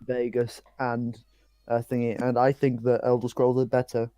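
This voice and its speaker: A man's voice: medium pitch, completely flat delivery, normal speed, warm tone. A man co-hosting a podcast, chatting casually, giggling often and rambling through restarts. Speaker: podcast co-host. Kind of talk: casual banter.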